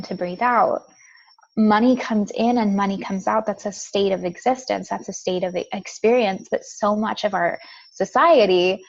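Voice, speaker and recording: A woman's voice: mid-range voice, gravelly, a little mellow, muffled recording. A woman giving a spiritual teaching talk as a manifestation coach, earnest and repetitive. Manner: earnest, repetitive, occasional light laughs.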